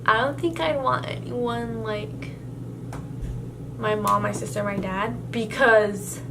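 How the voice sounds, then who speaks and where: A young woman, a Spanish native speaker, answers questions slowly in a fairly high voice against a noisy background. It's a casual Q&A tag vlog, and she rambles with plenty of fillers and restarts.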